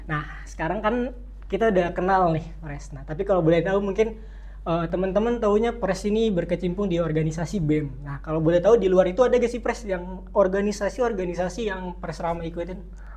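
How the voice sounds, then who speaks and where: A young podcast host with a mid-range voice leads a casual campus interview. The host talks in a chatty, loosely strung style and keeps nodding along with quick acknowledgements. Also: medium pitch, darkish tone. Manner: chatty, loose phrasing, lots of short acknowledgements.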